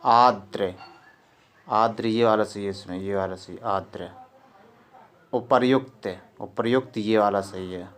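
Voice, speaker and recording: Slow, low-voiced male teacher. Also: steady tone. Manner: drills words by repeating them and quizzing students. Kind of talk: exam-prep spelling lesson.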